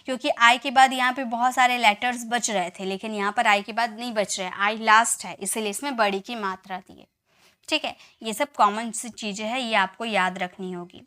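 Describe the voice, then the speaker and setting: A woman's voice: fairly high pitch, steady tone, normal speed, fairly bright tone. A woman teaching English reading online, patiently spelling words letter by letter and answering her own questions.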